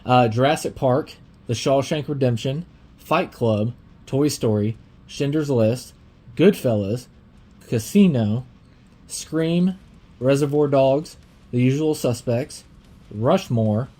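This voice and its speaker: A young man hosting a casual movie podcast, talking in a rambling, filler-heavy, excitable way, with a slight lisp from a dental aligner. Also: medium pitch, takes it slowly, pauses often. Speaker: podcast host.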